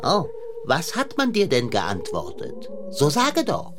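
A man's voice: fairly high pitch, huge pitch swings, takes it slowly, noisy background, heavily acted. A man voicing a pompous, grandiloquent male house cat in a children's audio drama, speaking in old-fashioned, lofty phrases. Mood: lofty, concerned.

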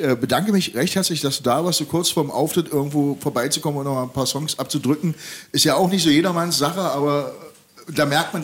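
A man hosting a radio studio session in casual interview talk, halting with many fillers and restarts. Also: fairly high pitch. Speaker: radio host.

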